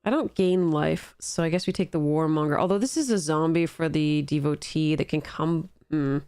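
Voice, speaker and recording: A woman's voice: deep voice, moderate pace, darkish tone, clean tone, dry recording, studio quality. A woman with a congested, stuffy nose, commentating casually and wryly on a game as she streams.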